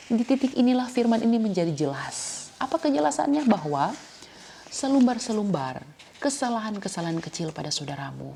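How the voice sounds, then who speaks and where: A woman pastor with a Manado Malay accent preaching a sermon, swinging from hushed whispers to sudden loud rises. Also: on the low side, gravelly, slight background noise.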